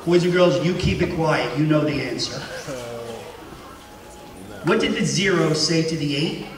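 A man's voice: fairly high pitch, unhurried. Echoey, wry male school assembly host. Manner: wry, self-deprecating. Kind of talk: announcing to a crowd with joking patter. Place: large indoor school gymnasium. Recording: very echoey gymnasium, distant mic, loud crowd noise.

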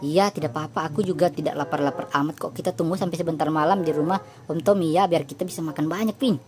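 A woman voicing a reckless, carefree little cartoon boy in a lower, offhand voice. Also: quick pace, lightly acted. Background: game music.

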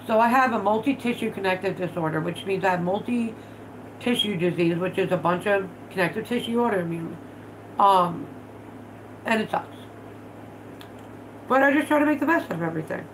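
A woman in her thirties, stuffed up from allergies, hosts a casual vlog livestream from her living room at home, talking bluntly and swearing freely while working with her hands. Her medium-pitched voice has lively intonation and normal speed, and she pauses often. The rough recording has a little hiss or hum.

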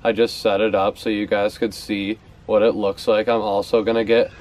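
Here a fishing vlogger in young adulthood gives a laid-back product talk to camera, outdoors on a house's back porch steps, frequently repeating words for emphasis as he shows his favorite baits. His darkish, fairly low voice moves little in pitch and keeps a moderate pace.

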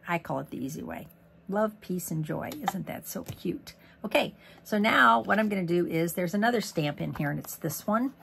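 A hoarse woman from Missouri, USA, talks casually through a stamping tutorial at her indoor craft desk, rambling with lots of ums and asides as she works. Her voice sits a bit low with a gravelly edge and lively intonation at a normal speed. A faint hiss runs under the recording.

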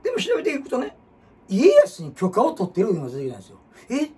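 A man with a Kansai accent, hosting a casual history talk as an animated storyteller who jumps between topics and asks rhetorical questions. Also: very high-pitched, very fast. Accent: Kansai Japanese. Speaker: host. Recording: husky voice from far off the mic.

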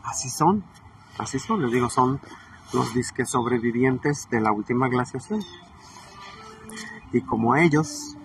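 A man's voice: medium pitch, fairly bright tone. A man with a Mexican accent playing a brash, crude, gossipy woman in a comedic character monologue. He rambles, swears and leaves sentences hanging. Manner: rambling, chatty, swears, trails off mid-sentence. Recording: distant mic with noisy ambience.

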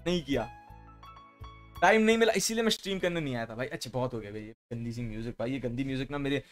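A man's voice: mid-range voice, fast. Joking, foul-mouthed young streamer man. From Kolkata, India. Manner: loose, joking, swears freely, mixes in English phrases. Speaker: live streamer. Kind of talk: casual livestream chat. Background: faint background music.

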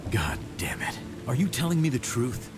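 A man's voice: mid-range voice, big pitch swings, moderate pace, over music, lightly acted. An actor playing a short-tempered man with a shady job who snaps in anger and mutters his thoughts, in a video game. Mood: angry. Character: guarded adult man, estranged son with a shady job.

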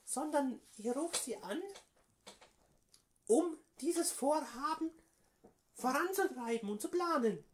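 A man's voice: extremely high pitch, expressive, takes it slowly, long pauses, slight background noise, voice pushed up, exaggerated voice. A man voicing a pushy, mock-official woman party envoy on a prank phone call, insistent and evasive. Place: small room at home, indoors.

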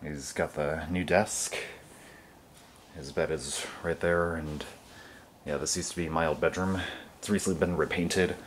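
Deep-voiced young man rambling on a house tour. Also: fairly even intonation, a little slow, long pauses. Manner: rambling, loose, lots of fillers. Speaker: vlogger. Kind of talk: casual home tour. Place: carpeted family house indoors. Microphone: handheld camera mic. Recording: noisy handheld camera audio.

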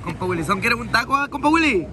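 A man's voice: very high-pitched, animated, quick pace, background noise. A young man with a Sinaloan Mexican accent chatting casually as a vlog host, using heavy street slang and egging on his companions. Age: young adult. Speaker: vlogger hosting a day out with boys. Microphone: handheld phone. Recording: busy street and shop background chatter.

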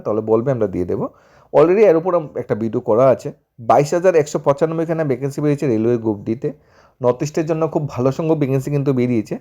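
A man's voice: medium pitch, mellow. A man, presenting a casual job-news rundown and reading listings with frequent restarts and English terms. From Tripura, India.

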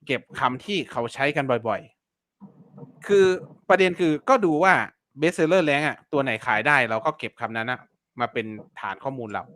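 Brief: man, live-stream teacher, bright forceful voice, chatty and repetitive with polite fillers. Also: medium pitch, expressive, normal speed, dry recording. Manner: chatty, repeats words and fillers, polite particles. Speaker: online seller teaching keyword research. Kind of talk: casual live-stream lesson.

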